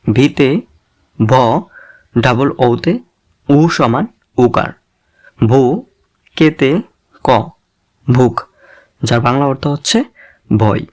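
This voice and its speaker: Male teacher, mid pitch, walks learners through each letter sound at a very unhurried pace. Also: fairly even intonation, darkish tone. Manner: spells letters then blends sounds, deliberate and repetitive. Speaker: English reading teacher. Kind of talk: slow spelled-out pronunciation lesson.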